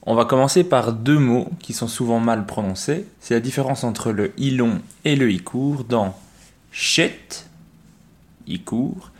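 A man co-hosting a podcast, teaching English pronunciation to French speakers and repeating each word pair slowly and carefully. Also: mid-range voice. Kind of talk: slow, careful pronunciation lesson.

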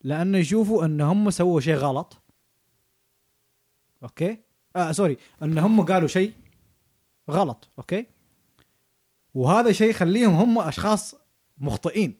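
Man, podcast co-host, quick and slightly high voice, dry close sound, keeps checking you follow. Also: animated, a little mellow, slightly rough, dry recording. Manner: explains points with frequent checks for understanding. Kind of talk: casual chat.

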